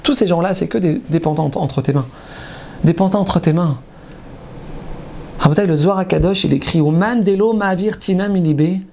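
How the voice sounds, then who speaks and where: A man with a notably high voice delivers a fervent sermon as a rabbi. He repeats his phrases for emphasis and calls out often to his audience. His delivery sweeps from loud, soaring exclamations down to low, murmured asides. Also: moderate pace, creaky, slight background noise. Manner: emphatic and repetitive, often calling out to listeners. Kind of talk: impassioned sermon.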